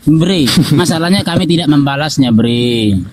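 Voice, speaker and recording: A man in a heated online debate, protesting and urging his opponent to calm down. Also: a little high, moderate pace. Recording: loud crowd noise behind.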